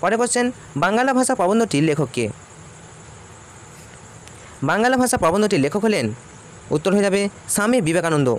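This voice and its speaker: A man's voice: high-pitched, lively intonation, fairly quick, long pauses, slight background noise. A man, teaching by reading out exam questions and repeating each answer.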